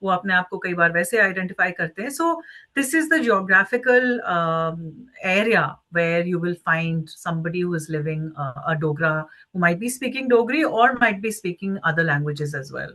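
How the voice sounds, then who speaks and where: A woman with a Jammu Indian accent speaks as an interview guest. Her delivery is fast and her tone is bright and forward. She explains in an earnest, articulate way, slipping between two languages. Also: fairly low pitch. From Jammu region, India. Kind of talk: explanatory interview talk, switching between English and Hindi.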